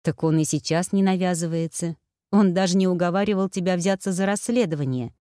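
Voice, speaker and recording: A calm, sympathetic witch with a therapist's patience, speaking gently and reasonably, as a woman narrator puts her on. The voice is low-set and recorded dry and close. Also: a little fast, no room sound, close to an everyday voice. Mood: reasoning.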